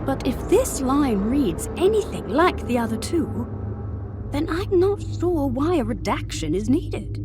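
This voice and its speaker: A woman playing a brisk, analytical crewmate in a science-fiction video game, speaking formally and precisely. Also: high-pitched, very animated. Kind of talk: scripted video game dialogue. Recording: game music under dialogue.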